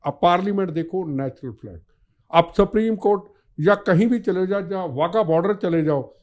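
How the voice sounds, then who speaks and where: An older man talks with heat and fire, building each point through insistent repetition. His voice sits high for a man. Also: a little mellow. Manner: fiery, declamatory, repetitive rhetoric. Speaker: podcast guest, former minister. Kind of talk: impassioned political talk.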